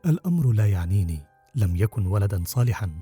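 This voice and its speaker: A man voicing a greedy, cold old uncle with a hoarse voice, speaking grudgingly and sharply. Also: on the low side, very animated, fast, dark tone, faint music behind, heavily acted. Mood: dismissive. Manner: grudging, snappish.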